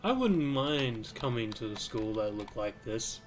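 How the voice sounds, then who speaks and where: A man streaming a video game, slowly musing aloud to himself in casual commentary. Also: medium pitch, big pitch swings, faint music behind. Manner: slow, musing, mutters to himself.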